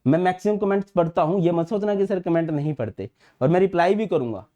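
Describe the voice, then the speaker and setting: A man giving an online chemistry class, chatty and friendly with students, mixing terms into his speech and slowing down to dictate notes. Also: high voice, warm tone. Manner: chatty, addresses students as beta and bhai, mixes English terms into Hindi; slows to dictate notes word by word. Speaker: chemistry teacher.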